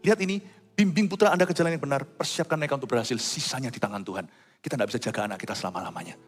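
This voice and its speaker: Animated preaching man, echoing church hall. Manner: animated preaching that swings from loud high exclamations to hushed low asides. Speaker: pastor. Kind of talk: sermon.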